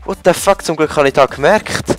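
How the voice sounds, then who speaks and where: A man playing a game, his voice run through voice morphing software that raises its pitch, startled and swearing. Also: a little fast, faint music behind. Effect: voice morphing software raising the pitch. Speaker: Let's Play gamer. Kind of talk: casual gaming chat.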